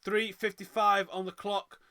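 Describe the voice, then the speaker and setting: Bright, high Mancunian man commentating. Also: a little slow, gravelly, clear, resonant tone. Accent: Northern English, Manchester. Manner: chatty, reads out viewer comments, gets loud and excited at big moments. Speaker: host of a live fight watchalong. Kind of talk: live fight reaction commentary.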